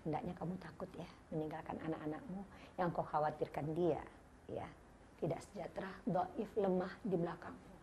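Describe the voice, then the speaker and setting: A woman's voice: lowish voice, fairly quick, slight background noise. An older woman, giving a parenting seminar to an audience and acting out how parents scold their children. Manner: lively, acts out parents' scolding voices and addresses the audience directly. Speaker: parenting educator.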